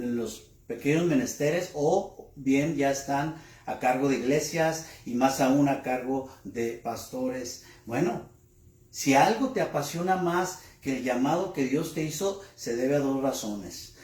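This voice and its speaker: A male pastor delivering a sermon, speaking deliberately, asking rhetorical questions and repeating key words for emphasis. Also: medium pitch, a little mellow, echoey room. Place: church.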